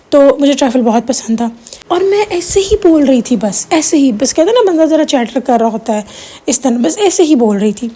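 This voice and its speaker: High-voiced woman giving a religious talk. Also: mellow. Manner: conversational, mixes in English words, tells personal stories. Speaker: religious teacher. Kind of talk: informal religious talk to camera.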